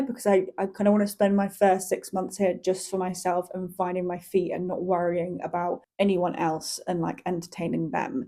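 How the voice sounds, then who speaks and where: A young woman vlogging about her week in a chatty, candid way, full of fillers and the occasional swear. Her voice is mellow and warm, sitting at an ordinary middle pitch. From Spain. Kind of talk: casual vlog chat.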